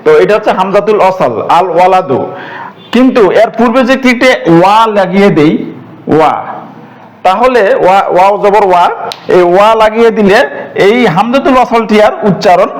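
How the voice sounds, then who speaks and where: A man with a notably high voice teaches grammar in a recorded lesson. He goes slowly and patiently and repeats each term. He fills his pauses with soft hesitations. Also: low-quality recording. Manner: slow and patient, repeats terms, pauses with fillers. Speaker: teacher of Quranic Arabic grammar.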